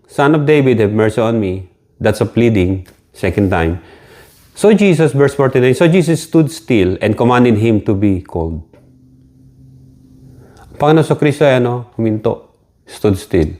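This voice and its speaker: A man's voice: medium pitch, darkish tone. A man with a Filipino accent preaching a sermon, switching between Filipino and English, repeating key words and rising for quoted cries.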